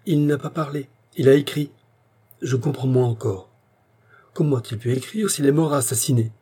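A man's voice: mid-range voice, moderate pace, dark tone, husky, voice pushed up, natural voice. A man reading an indignant young nephew. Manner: curt, bitterly logical.

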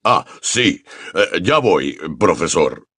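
A man reads aloud as a giant of a gamekeeper, rumbling very low and dry, close to the mic. His talk is blunt and guarding, with a growling edge. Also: very animated, slow pace, pushed and bright, no room sound, full character voice. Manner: blunt and protective. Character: huge, gruff, loyal gamekeeper man. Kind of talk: audiobook character voice.

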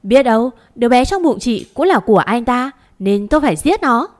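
A woman's voice: fairly high pitch, lively intonation, fairly quick, fairly bright tone. A woman voicing a vengeful, jealous young wife who screams accusations in a storybook reading. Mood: hysterical.

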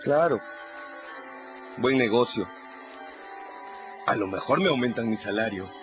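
In a radio drama heard through muffled audio with music, an actor voices a blunt, plain-spoken man who works for a slave catcher. His medium-pitched delivery is measured, lightly acted, and lively in intonation, keeping a matter-of-fact tone.

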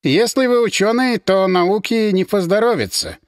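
A man's voice: high-pitched, expressive, moderate pace, no room sound, studio quality, voice pushed up. A man voicing an irritated, impatient male television company owner with an angry manner. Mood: indignant.

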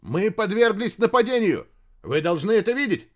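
A man's voice: high voice, animated, a little fast, a little mellow, voice pushed up. A man voicing a nervous young male radio operator in an audiobook, talking in a shaky, frightened way. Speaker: audiobook character.

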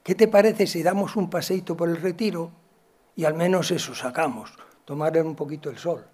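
Animated man telling a story. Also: fairly high pitch, moderate pace. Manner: animated, acts out dialogue with shifts in loudness. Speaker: psychologist and educator giving a talk. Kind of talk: storytelling lecture.

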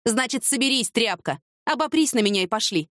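A woman's voice: on the high side, lively intonation, fairly quick, a bit bright, dry recording, clean studio sound, voice pushed up. A woman reading an audiobook, voicing a fiery, impulsive young woman with heated, emphatic retorts. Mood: insistent.

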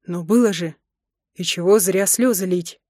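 A woman reading the part of a calm young husband who coaxes and teases his wife, in a slightly lower voice than her narration. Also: normal speed, no echo, clean studio sound, close to an everyday voice. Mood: coaxing. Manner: unruffled, coaxing.

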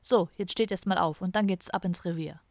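A woman's voice: fairly low pitch, fairly quick, a little mellow, no room sound, studio quality, close to an everyday voice. A woman voicing a bossy male police officer who barks orders in an officious way. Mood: barking. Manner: barking, officious. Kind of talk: audiobook character voice.

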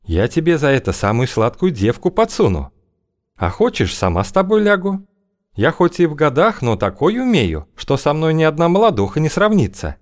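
A man's voice: a little high, huge pitch swings, moderate pace, pitched above the performer's own voice. A man reading an audiobook, voicing a bold, scheming older woman matchmaker who talks in a languid, teasing, coaxing way.

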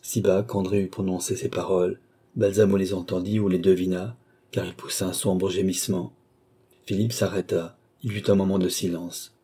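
Male audiobook narrator, measured literary reading, dark mellow husky voice. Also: deep voice, flat delivery.

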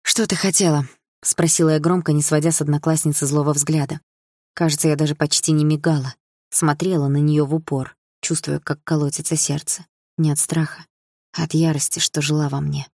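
A woman narrating a first-person novel as an audiobook, in a tense, steady manner. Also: sits low, brisk, no echo, studio quality.

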